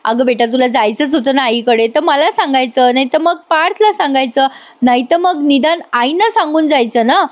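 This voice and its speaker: A woman voicing a caring elder sister-in-law in a TV serial recap, speaking in a soft, patient, coaxing way. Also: sits high, normal speed, lightly acted.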